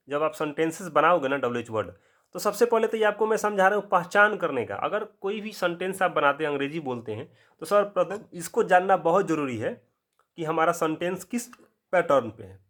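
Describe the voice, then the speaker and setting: A man with a Bihari accent giving an English grammar lesson in casual classroom style. He asks the viewer a question, answers it himself, and slows down to spell things out. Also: a little high, expressive, a bit bright. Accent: Bihari Hindi. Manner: drawn-out, spelled-out explanations. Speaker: English teacher.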